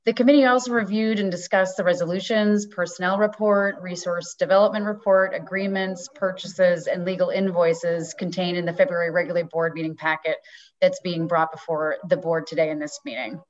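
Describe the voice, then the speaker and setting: A woman giving a committee report as vice chair at an online board meeting, speaking in a measured way with frequent ums. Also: lowish voice, fairly even intonation. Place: home room on a video call. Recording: dull, lo-fi video call audio.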